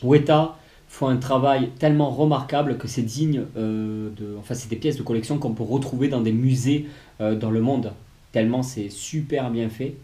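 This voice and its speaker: A man reviews collectibles in a casual video while nursing a cold, sounding a bit congested and low on voice. He hesitates constantly, restarting sentences and filling gaps with "euh." His voice is medium-pitched and mellow, with a steady tone and moderate pace.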